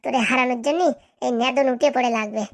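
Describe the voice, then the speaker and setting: A woman's voice: sits high, steady tone, fast, gravelly. A woman voicing a boastful, threatening male rival in a cartoon.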